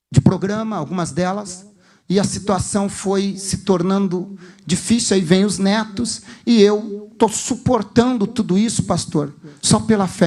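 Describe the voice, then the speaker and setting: A man's voice: high voice, a little mellow. A man voicing a poor, retired older woman, a grandmother who pleads and complains defensively as he retells her words in a sermon.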